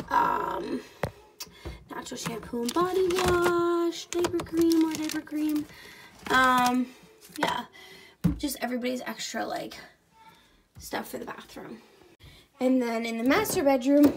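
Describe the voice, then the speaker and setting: Her voice is high and creaky, with a measured pace and frequent pauses, and there's background noise. A pregnant vlogger, she tours her home room to room, rambling with many ums and likes and occasionally getting out of breath.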